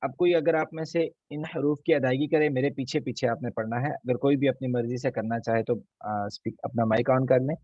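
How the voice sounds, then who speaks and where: Man teaching, husky voice, dull audio. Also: mid-range voice, fairly even intonation, dry recording. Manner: patient, repeats each letter slowly for students to copy. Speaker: Quran recitation teacher. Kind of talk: online tajweed class lesson. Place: online video class.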